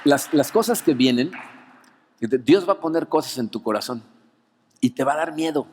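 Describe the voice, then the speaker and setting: Mexican pastor preaching in a reverberant hall. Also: male voice, on the high side, normal speed. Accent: Mexican Spanish. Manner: animated storyteller, peppers lines with "¿no?". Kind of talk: anniversary sermon with personal story. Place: church auditorium. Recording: long reverb of a church hall.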